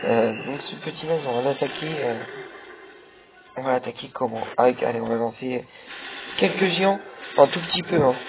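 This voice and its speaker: A man's voice: mid-range voice, normal speed, vocal fry, pauses often. A young man giving casual, rambling commentary over his own gameplay, with many fillers and restarts. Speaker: gameplay video creator. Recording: tinny lo-fi capture with loud game music. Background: game music.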